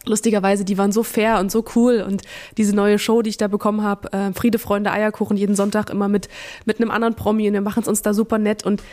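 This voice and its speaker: A woman's voice: medium pitch, level tone, quick pace, a little mellow. A woman in her thirties, a radio and TV presenter, chatting frankly and casually as a podcast guest, with many fillers and slang words. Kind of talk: casual interview chat.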